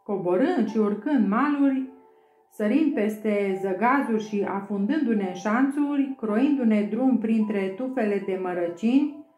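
A woman narrating an audiobook in a steady storytelling manner. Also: a little high, muffled recording. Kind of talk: scripted narration. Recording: roomy echo, faint music.

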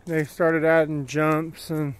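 On a wooded dirt trail, a vlogger walks and talks, offering plainspoken, rambling commentary captured on a handheld phone camera. His voice is on the high side and smooth, with a level tone and slow pace.

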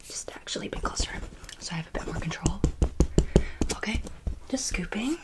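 A young adult woman in a whispered role-play as a massage therapist, giving fast, repetitive ASMR patter and short instructions. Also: mid-range voice, expressive. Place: bedroom, indoors.

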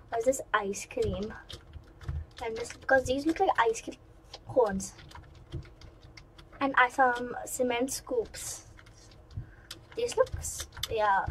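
A high-pitched woman narrates her game run as she plays. She is chatty and excitable and keeps wandering into asides to her viewers. A soft patter of keyboard typing sits faintly behind her. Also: slight background noise, poor audio. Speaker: gaming channel host. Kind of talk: let's-play commentary.

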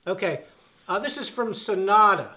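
A man in his fifties, a channel host, sits on the living room floor by the fireplace and casually reads fan questions aloud, full of fillers and restarts. His voice sits high, animated and bright with a pushed quality, at normal speed.

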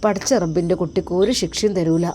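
A tender elderly mother soothes her son in a soft, slightly lowered voice, as a woman reads her. She, and faint crickets chirp behind her. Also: fairly even intonation, fast talker, a little hiss or hum, lightly acted. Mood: soothing.

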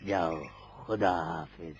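Old Zubair, a fussy frail elder. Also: male voice, sits low, steady tone, slow pace, lo-fi sound, slight background noise. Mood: fussing. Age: older. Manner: rambling, fussy, anxious. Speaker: dubbing actor. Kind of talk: dubbed TV drama.

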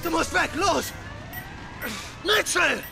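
High, strained soldier shouting urgently. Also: male voice, expressive, slow pace, creaky, music in the background, a crowd in the background, exaggerated voice. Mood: desperate, in pain. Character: urgent, brave young male soldier in combat. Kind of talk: dramatic video game voice acting.

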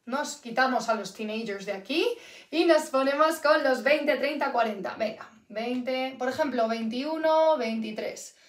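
Woman teacher from Canada, fairly high voice, chatty and repetitive, live online lesson, echoey room. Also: a little slow. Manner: lively, chatty, repeats words for learners. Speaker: English teacher.

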